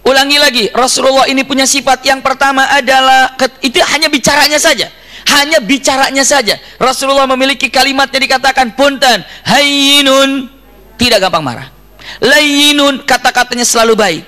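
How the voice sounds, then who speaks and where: A male preacher giving a storytelling sermon to a women's study group, animated and full of religious exclamations. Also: very high-pitched, brisk. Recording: long hall reverb.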